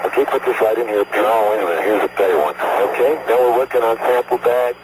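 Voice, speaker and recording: A man's voice: medium pitch, fast, very noisy. A man talking as an astronaut over an archival radio link, chatting casually with a crewmate as he works. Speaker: astronaut on a moonwalk. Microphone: headset in spacesuit.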